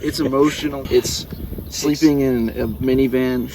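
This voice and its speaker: A man's voice: mid-range voice, fairly even intonation, unhurried. Easygoing man, distant mic. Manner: jokey, easygoing. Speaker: guest birder. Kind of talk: casual chat. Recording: distant mic with loud crowd noise.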